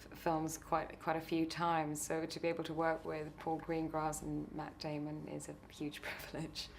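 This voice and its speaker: A woman actor answers interview questions in a low-pitched voice. She hesitates often and restarts her sentences. A faint background noise runs under her. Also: completely flat delivery, moderate pace, creaky.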